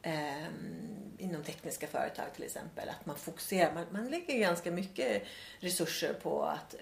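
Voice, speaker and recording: A woman with a somewhat low voice talks through her ideas in casual conversation. She hesitates and rephrases as she goes. The room around her carries a noticeable echo. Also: lively intonation, vocal fry, a little hiss or hum. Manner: thoughtful, many hesitations and restarts. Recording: roomy echo.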